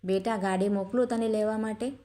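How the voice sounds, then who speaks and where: A woman's voice: mid-range voice, steady tone, fairly quick, dark tone, lightly acted. A woman voicing a loving older village mother, soothing and tender toward her son.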